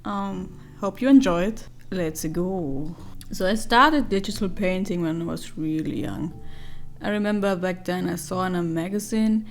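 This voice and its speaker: A young woman with a hoarse, gravelly voice after karaoke, chatting casually as an artist vlogger over her speed painting. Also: lowish voice, measured pace. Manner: chatty, with fillers and soft laughs. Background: faint music.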